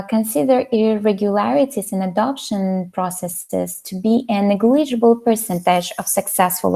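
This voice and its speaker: Young woman from Kazakhstan, mid-pitched with some gravel, earnest student presenter on a video call. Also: mellow. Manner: earnest, with frequent fillers and restarts. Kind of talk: academic webinar presentation.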